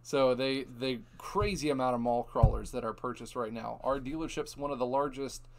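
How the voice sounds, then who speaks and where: A man from Ohio hosting a casual live stream, telling lively dealership stories with frequent laughs. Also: mid-range voice, normal speed, gravelly. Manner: animated storytelling, laughs often. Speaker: host.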